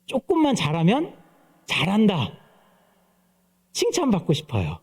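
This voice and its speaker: A man's voice: sits high, sing-song, fairly quick, warm tone. A man in his thirties preaching a sermon at church, telling stories and playfully mimicking voices. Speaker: pastor. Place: church sanctuary.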